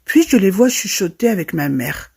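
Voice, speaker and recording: A young woman narrating a first-person horror storytime, with a dramatic and lively delivery. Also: mid-range voice, normal speed, vocal fry, background noise. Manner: dramatic, lively retelling with quoted voices.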